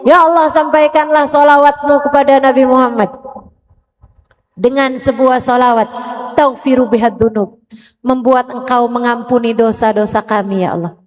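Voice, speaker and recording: A woman's voice: sits high, fairly even intonation, normal speed, in a large hall. A woman preacher giving a religious lecture to women, speaking prayers aloud and asking her listeners questions. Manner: models prayers aloud, asks the audience questions. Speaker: Islamic preacher.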